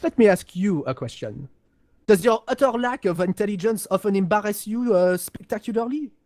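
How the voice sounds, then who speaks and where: Playing an arrogant, pompous highborn aristocrat of a galactic empire, a man delivers condescending lines in a halting, haughty way for an amateur game lore role-play. His voice is animated and a little mellow.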